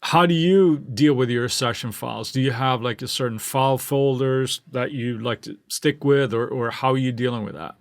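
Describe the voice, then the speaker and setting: Easygoing man co-hosting a podcast, laughs easily, asks questions, dry close mic, mid pitch. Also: normal speed, few pauses, dry recording. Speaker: podcast co-host, mixing engineer. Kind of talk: casual chat. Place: studio.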